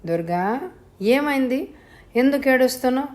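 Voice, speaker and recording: A woman's voice: on the high side, fairly even intonation, very fast, a little mellow, voice pushed up, natural voice. Woman voicing an anxious young husband. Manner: anxious, pressing questions.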